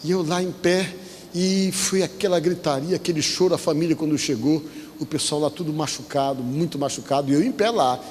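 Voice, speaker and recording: A man's voice: a little high, a little fast, a little mellow, big-room sound, slight background noise. A man who is a pastor, speaking, telling a personal story as part of a sermon and acting out the voices of the people in it. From Brazil. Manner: storytelling, acts out quoted voices. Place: church.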